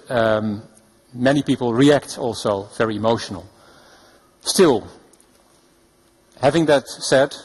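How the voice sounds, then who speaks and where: Guy introducing the speaker, bit husky, lots of ums, mid pitch. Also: poor audio. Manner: measured, hesitant, with many fillers. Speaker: event moderator.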